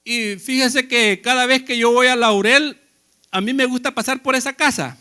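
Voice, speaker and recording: A man's voice: very high-pitched, fairly even intonation, normal speed, sharp tone, clean tone. A man preaching a sermon in a conversational way, telling personal stories and asking the congregation questions.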